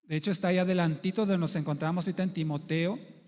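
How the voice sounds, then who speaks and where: A man's voice: high-pitched, fairly even intonation, fast talker, a little mellow, long reverb tail. A man preaching a sermon as pastor in a church, teaching through a string of rhetorical questions.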